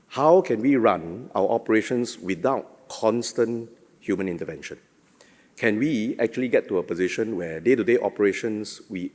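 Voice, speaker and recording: Male executive for a conference keynote, lowish voice, polished corporate formality, reverberant large-hall sound. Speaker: chief executive giving a keynote. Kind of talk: prepared conference keynote presentation. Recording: echoey hall with long reverb.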